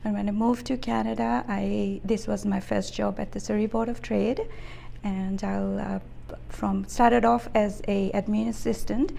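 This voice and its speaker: Gravelly-voiced woman from Fiji. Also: medium pitch, little pitch movement, warm tone, slight background noise. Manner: measured, thoughtful, many hesitations. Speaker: interview guest, business executive. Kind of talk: casual interview answers.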